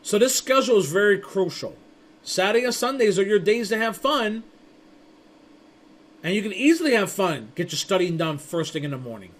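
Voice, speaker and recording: Guy teaching a networking course, kinda high voice, rambly and stumbly, chatty like he's telling a buddy a story. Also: very animated, moderate pace. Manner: rambling with frequent restarts and stumbles; chatty storytelling with acted-out quotes. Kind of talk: casual spoken lecture.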